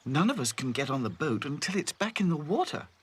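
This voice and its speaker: A brisk girl doll who gives the orders, played by a man, set up high and firm. She talks in a commanding, practical way. A cartoon storybook voice. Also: very animated, slightly rough.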